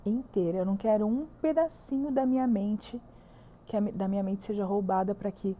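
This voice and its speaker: A woman's voice: mid-range voice, a little fast, dull audio. A woman with a Brazilian Portuguese accent, a church ministry leader giving an earnest, emphatic personal testimony as a podcast guest. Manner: earnest and emphatic, repeats words for stress.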